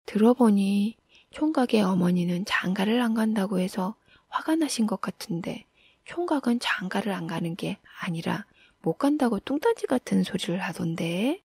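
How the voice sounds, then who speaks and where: A woman's voice: mid-range voice, expressive, moderate pace, vocal fry, darkish tone, breathy edge, dry recording, clean studio sound. A curious young widow, as a woman narrator puts her on.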